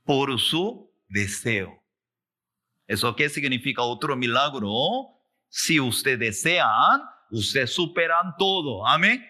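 A male pastor preaching a sermon slowly and emphatically, repeating phrases, calling for responses and acting out quoted voices. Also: expressive, bright, forceful tone. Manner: slow, emphatic preaching with repetition and call-and-response; acts out quoted voices with big pitch jumps.

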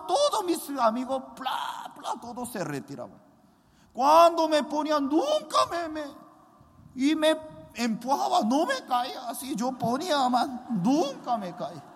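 High-voiced man preaching in a reverberant hall. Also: breathy edge. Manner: dramatic storytelling that acts out scenes with sound effects. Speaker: preacher giving his testimony. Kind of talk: testimony sermon.

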